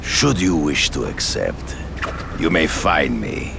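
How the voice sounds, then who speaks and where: An actor playing a boastful Russian hunter in a video game, with a heavy gravelly voice, a Russian accent and a grandiose, formal manner. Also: male voice, a bass voice, sing-song, slow, background noise, exaggerated voice. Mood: commanding, mysterious. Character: boastful Russian big-game hunter, theatrical formidable adult man. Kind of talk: video game character acting.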